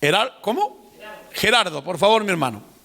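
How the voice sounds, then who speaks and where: Guy teaching a class, talks straight to the room, high voice. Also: very animated, normal speed, gravelly, bright, forceful tone, big-room sound. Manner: explanatory, addresses listeners directly. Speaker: seminar teacher. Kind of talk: classroom lecture.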